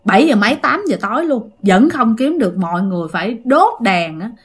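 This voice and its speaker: A woman's voice: on the high side, sing-song, fairly quick, breathy edge. A woman with a Southern Vietnamese accent telling a ghost story in a casual, chatty way, talking straight to her listeners. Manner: chatty, addresses listeners directly.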